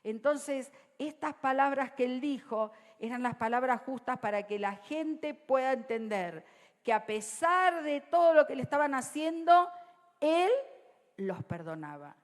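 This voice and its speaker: A woman pastor with an Argentine Rioplatense accent, preaching a sermon to a congregation and often checking in with "¿sí?", her voice swinging between loud and soft. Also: sits high, lively intonation, unhurried. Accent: Rioplatense Spanish. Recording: long reverb of a church hall.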